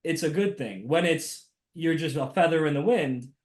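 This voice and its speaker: A man with a New Jersey accent, a podcast guest talking in a lively, casual way with many restarts. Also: fairly high pitch, normal speed. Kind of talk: casual conversation.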